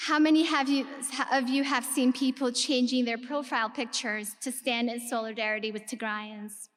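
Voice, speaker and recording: Speaking as keynote speaker before a live crowd, a woman from Ethiopia poses rhetorical questions with earnest conviction. Her voice is high and a bit bright, carried by the long reverberation of a big hall.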